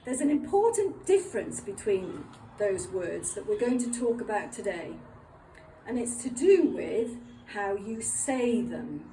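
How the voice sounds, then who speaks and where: A woman teaching young children a lesson with patient, clearly spelled-out explanations. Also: mid-range voice, very animated, a little slow, warm tone, reverberant, far from the mic, slight background noise, low-quality recording. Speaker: primary school teacher.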